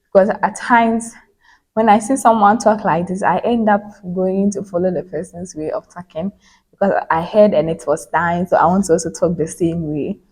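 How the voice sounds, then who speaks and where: A woman's voice: fairly low pitch, fairly even intonation, moderate pace, darkish tone, breathy edge. Earnest young woman vlogging to her phone. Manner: earnest, repeats phrases for emphasis. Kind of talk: casual reflective vlog monologue. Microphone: phone back camera.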